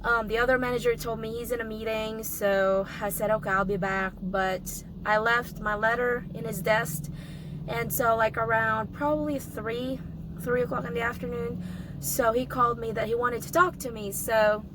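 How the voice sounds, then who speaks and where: A young adult woman vlogger, hoarse from a cold and coughing now and then, gives a casual update full of pauses and restarts. Her voice is a little high with a steady tone, and there's background noise.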